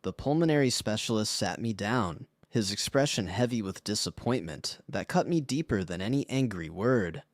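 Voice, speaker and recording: A man's voice: lowish voice, animated, normal speed, few pauses, no room sound, studio quality. A man narrating a scripted first-person story in a somber, confessional way.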